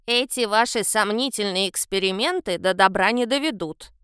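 A woman's voice: medium pitch, normal speed, a bit bright, smooth, no room sound, close to an everyday voice. A reproachful old woman, as an audiobook reader puts her on, wagging her finger in warning. The sound is dry and close. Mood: scolding.

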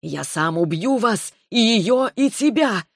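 A woman voicing a short-tempered, protective male dragon who scolds gruffly in an audiobook. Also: medium pitch, animated, takes it slowly, no room sound, clean studio sound, pitched above the performer's own voice, heavily acted. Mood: angry scolding.

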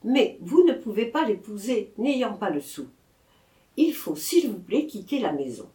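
A woman's voice: medium pitch, very animated, measured pace, warm tone. A woman reader voicing a kindly middle-aged ironmaster who talks in a genial, plain-spoken way, in an echoey room.

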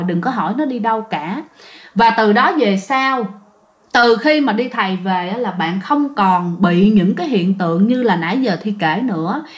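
A woman with a Southern Vietnamese accent telling a ghost story in a chatty, casual way, often addressing her listeners. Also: on the high side.

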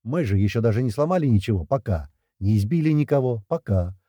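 A man voicing a cocky gang member who needles and mocks in a calm way. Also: mid-range voice, fast, dry recording, natural voice. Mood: mocking.

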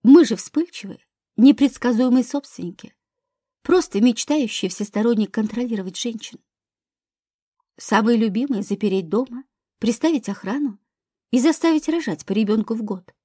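Mocking young man stepbrother voiced by a woman, husky, a bit high for a guy, dry sound. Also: normal speed, dark tone, no room sound. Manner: mocking, growling.

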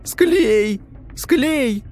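A man's voice: extremely high pitch, big pitch swings, slow pace, a little mellow, soft background music, voice pushed up, full character voice. A man voicing a shrieking, fixated young psychiatric patient who repeats the same words over and over.

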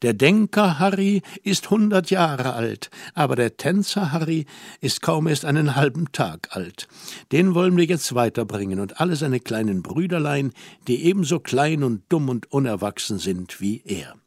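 A man reading the part of a worldly, teasing young woman in an audiobook, gentle and lightly mocking. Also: medium pitch, very animated, normal speed, no room sound, studio quality.

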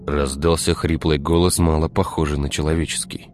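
A man narrating an audiobook in a measured, even storytelling manner. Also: extremely low pitch, a little hiss or hum.

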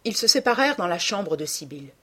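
A woman narrating a classic novel as an audiobook, reading in a measured, expressive way. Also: lowish voice, slightly rough.

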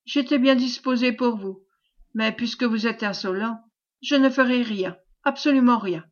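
A woman's voice: on the high side, moderate pace, muffled recording, close to an everyday voice. A woman reading aloud, voicing a calculating oil merchant who answers his brother in a cold, curt, condescending way.

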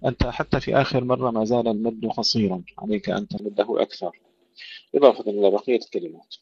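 Man, recitation teacher, online lesson, patient corrections, long drawn-out model verses, dry dull call audio. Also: lowish voice, fairly even intonation, a little mellow, husky, dry recording.

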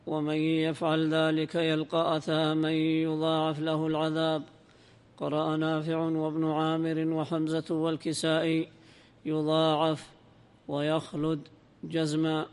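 A man reading a classical commentary aloud in a lesson, in a measured, even recitation. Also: on the high side, clear, resonant tone, in a large hall. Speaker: reader of the text in a lesson.

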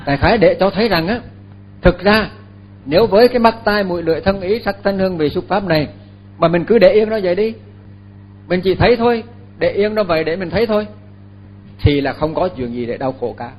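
Older monk, slow halting dharma talk, kinda high voice, lots of fillers. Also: male voice, a little mellow. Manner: unhurried, halting, with many fillers and repeated words. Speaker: Buddhist monk teacher.

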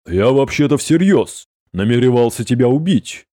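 A man voicing a calm, cold male sorcerer who speaks in a cutting, sarcastic way. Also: medium pitch, moderate pace, dry recording, studio quality, voice pushed up, close to an everyday voice.

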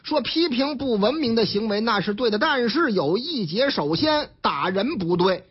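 Speaking at a moderate pace in a very high, slightly rough voice with lively intonation, this man gives chatty, storytelling-style news commentary on the radio. He has a Beijing accent and acts out each character, and the recording has a dull lo-fi radio quality.

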